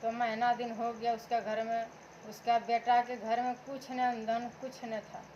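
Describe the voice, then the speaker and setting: A woman's voice: fairly high pitch, little pitch movement, measured pace, warm tone. A woman telling an old folk tale aloud in a rambling, repetitive, homespun way. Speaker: storyteller. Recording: dull lo-fi recording, faint hum.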